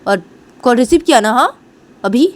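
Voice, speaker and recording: A woman's voice: on the high side, lively intonation, moderate pace. A woman telling a love story in a casual, rambling way, tagging lines with repeated affirmations. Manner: rambling, repetitive, constant "haan" tags.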